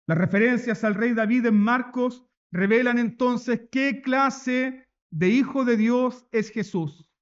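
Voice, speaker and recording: A man's voice: high voice, a little mellow, lo-fi sound. A man preaching a sermon as pastor, emphatic, repeating key phrases and asking rhetorical questions. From Chile.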